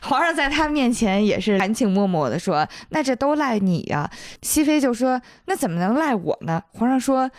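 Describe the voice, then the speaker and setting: A woman's voice: on the high side, lively intonation, a little fast, few pauses, darkish tone, dry recording, clean studio sound. A woman guest on a podcast chatting casually and expressively about a TV drama, often breaking into laughter as she gushes over scenes. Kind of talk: casual chat.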